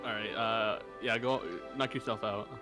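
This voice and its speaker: Animated teasing man player. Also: fairly low pitch, normal speed, music in the background. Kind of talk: casual tabletop play.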